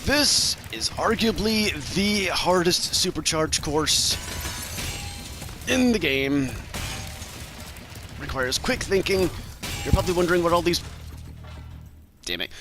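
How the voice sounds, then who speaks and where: A man's voice: fairly high pitch, animated, a little slow, long pauses. A man giving casual, chatty, self-deprecating commentary as host of a video game walkthrough. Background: game music.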